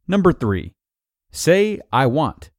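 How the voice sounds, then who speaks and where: A man narrating an article of numbered tips in a clear, even, scripted read-aloud delivery. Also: on the high side, slow, dry recording, studio quality.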